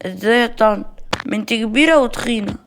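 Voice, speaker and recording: A woman's voice: a little high, fast, a little hiss or hum, voice pushed up, natural voice. A woman with an Egyptian accent voicing a cheeky little boy who whines in a childish, sing-song way.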